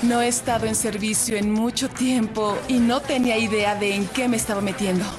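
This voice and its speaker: A woman's voice: a little high, steady tone, fairly quick, close to an everyday voice. Woman playing a hesitant contestant cook. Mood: nervous, apologetic. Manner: hesitant, apologetic. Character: apologetic, unsure female contestant cook. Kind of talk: Spanish voice-over dub of reality TV. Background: music.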